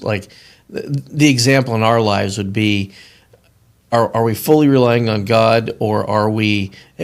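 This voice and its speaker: A man with a gravelly, low-pitched voice leads a casual Bible study discussion. He explains Scripture earnestly, working through his thoughts aloud and often restarting his sentences.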